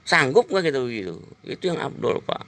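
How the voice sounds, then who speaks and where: A man's voice: mid-range voice, very animated, a little fast, creaky, a bit bright. A man, telling a long rambling story and dropping "gitu" and "Pak" again and again. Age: 70s. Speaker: exercise teacher. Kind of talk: casual storytelling to an interviewer.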